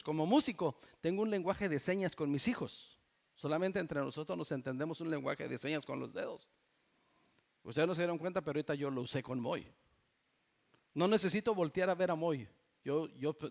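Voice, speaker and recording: A man, preaching a fervent sermon as pastor and often addressing the congregation as brothers. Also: on the high side. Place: church.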